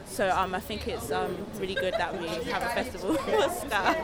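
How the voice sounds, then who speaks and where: A woman considers her words carefully, filling pauses with ums as she goes. Her voice is mid-pitched, and a loud crowd almost drowns her out. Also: lively intonation. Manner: thoughtful, filler-heavy. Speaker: festival visitor. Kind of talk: vox pop interview.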